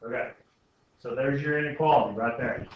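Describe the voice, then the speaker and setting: This man's voice is medium-pitched, brisk, and gravelly. He's an algebra teacher giving an informal classroom lesson, thinking aloud and regularly posing questions to students, recorded from a distance in a very echoey indoor room that leaves the audio muffled and faintly noisy.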